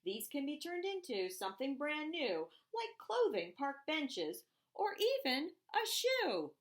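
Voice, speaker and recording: A woman reads a rhyming children's picture book aloud in a high, sing-song voice. Her delivery is expressive and deliberate, with certain phrases emphasised.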